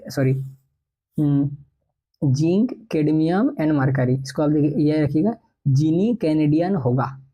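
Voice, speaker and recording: Man, chemistry teacher, mellow husky voice, slow textbook reading then quick explanations. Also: a little high, poor audio. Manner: reads English textbook lines slowly, then explains in quick Hinglish. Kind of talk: exam-prep lecture.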